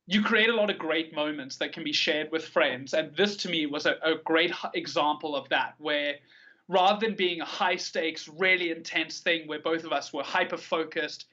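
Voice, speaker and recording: A South African card game tournament player, appearing as a podcast guest, gives long, articulate, enthusiastic answers in a conversational interview with a South African accent. His voice is on the high side, pushed and bright, at normal speed, and the recording has its highs cut off.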